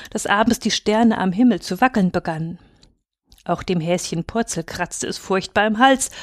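A woman narrating a fairy tale aloud in a measured, expressive storytelling manner. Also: a little high, no room sound, clean studio sound.

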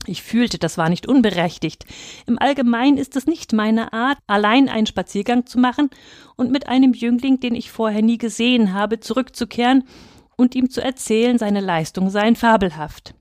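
A woman reading a first-person story aloud in calm, measured narration. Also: on the high side, dry recording, clean studio sound. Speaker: audiobook narrator. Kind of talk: scripted narration.

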